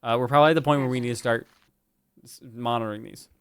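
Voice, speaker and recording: A man's voice: mid-range voice, steady tone, fast talker, clear, resonant tone. A man hosting a live stream, chatty and joking, swearing casually as he moves between stories. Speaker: stream host.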